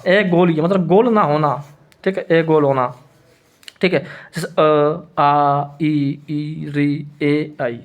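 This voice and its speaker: Hindi man teaching grammar, higher voice. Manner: repetitive, asks and answers own questions. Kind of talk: classroom lesson explanation.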